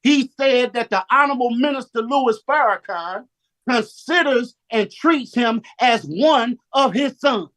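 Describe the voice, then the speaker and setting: A man giving a preacher-style motivational talk on a Zoom call, animated and slang-heavy, calling on listeners to answer back. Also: extremely high pitch, unhurried.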